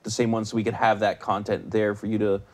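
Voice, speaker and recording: A man's voice: lowish voice, completely flat delivery, quick pace, slight background noise. A man hosting a live game stream, chatting casually with lots of fillers and restarts. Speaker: live show host.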